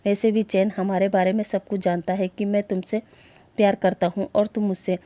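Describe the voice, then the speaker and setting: A woman's voice: mid-range voice, flat delivery, brisk, mellow, lightly acted. A woman voicing a possessive, bossy rich young man in a story she narrates. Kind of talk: storytelling voice acting.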